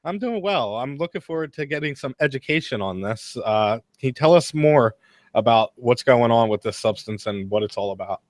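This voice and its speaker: A man's voice: medium pitch, lively intonation, normal speed, no echo, clean studio sound. Easygoing man hosting an online radio show. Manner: easygoing, stumbling, laughing at himself. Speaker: podcast host. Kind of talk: casual radio show chat.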